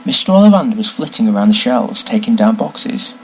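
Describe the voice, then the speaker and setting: A man reading a novel aloud as narrator, with expressive, lively storytelling. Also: fairly low pitch, brisk, a little hiss or hum, low-quality recording.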